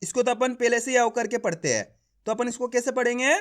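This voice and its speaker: A man teaching an online reading lesson, spelling words out slowly syllable by syllable and often checking that the learner follows. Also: very high voice.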